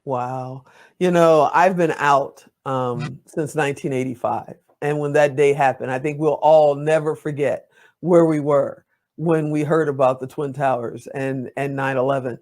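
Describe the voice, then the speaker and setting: A woman's voice: rumbling low, fairly even intonation, measured pace, darkish tone. A woman in her fifties hosting an interview, a military veteran who talks in a chatty, encouraging, rambling way. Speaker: talk show host, veteran. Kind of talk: interview conversation.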